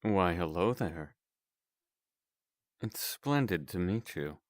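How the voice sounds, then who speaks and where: A man speaking through a morphing voice changer that pushes his voice lower, talking in a courtly, formal way as he reads a character. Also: expressive, slow pace, dry recording, studio quality. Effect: morphing voice changer, pitch shifted lower.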